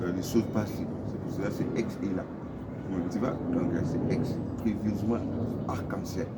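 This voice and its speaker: A low-pitched man speaks casually to camera from his home, stumbling and repeating words as he gropes for what to say. Steady traffic noise runs clearly behind him. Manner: halting, full of repeated words and fillers. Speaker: vlogger.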